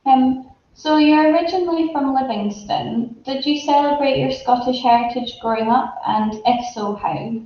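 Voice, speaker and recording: A woman's voice: high voice, moderate pace, hardly any pauses, mellow. A woman hosting a casual interview, asking questions in a conversational way. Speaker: interviewer, host. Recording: echoey room, dull audio, noisy background.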